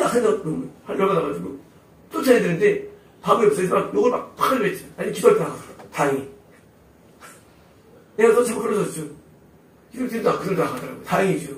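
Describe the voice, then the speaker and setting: A male pastor preaching a sermon emphatically, constantly asking the congregation rhetorical questions. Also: high-pitched. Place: church sanctuary. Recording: echoey hall, voice from far off.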